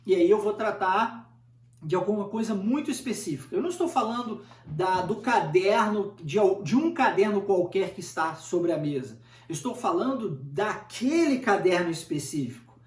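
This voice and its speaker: An English teacher gives an informal lesson in a conversational way, repeating his points and checking in with rhetorical questions. His voice is high, animated and darkish, at a moderate pace. The recording sounds roomy, with him far from the mic.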